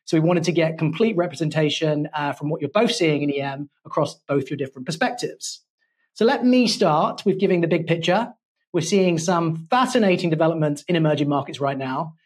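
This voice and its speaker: A man's voice: fairly high pitch, a little fast. Polished London man hosting a podcast. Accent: London English. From England. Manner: polished, playful, wordy. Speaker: podcast host. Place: studio.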